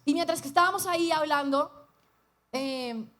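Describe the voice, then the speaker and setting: A high-voiced young woman pastor. She preaches a lively sermon, turning to the congregation with questions as she tells her story. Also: moderate pace.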